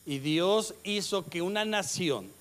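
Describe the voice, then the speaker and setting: Slow, emphatic male preacher. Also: sits high, lively intonation. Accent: Mexican Spanish. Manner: call-and-response questions to the congregation; slow, emphatic delivery with sudden loud rises. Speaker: pastor. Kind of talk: sermon.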